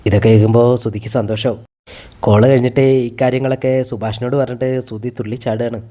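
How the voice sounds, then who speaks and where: Fast-talking man retelling a serial. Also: medium pitch, fairly even intonation, mellow. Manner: brisk, matter-of-fact retelling. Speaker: TV serial recap narrator. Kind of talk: rapid storytelling recap.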